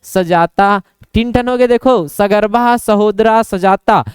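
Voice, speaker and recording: A man's voice: sits high, slow, clean tone, no echo, studio quality. A young man with a Chhattisgarhi accent teaching an exam-prep Hindi lesson, playfully acting out little scenes and quizzing himself.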